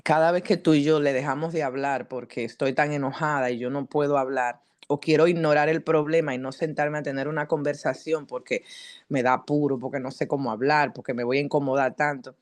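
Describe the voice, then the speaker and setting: A woman psychologist giving a teaching talk at a church, addressing the congregation directly and asking them questions in a lively, earnest way. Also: low voice, fairly quick. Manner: lively, earnest preaching delivery.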